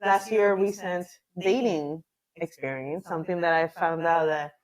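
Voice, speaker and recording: A woman in her thirties co-hosting a casual podcast chat, telling stories with lively mimicry. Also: on the low side, unhurried. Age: 30s. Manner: animated storyteller, mimics voices. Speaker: podcast co-host.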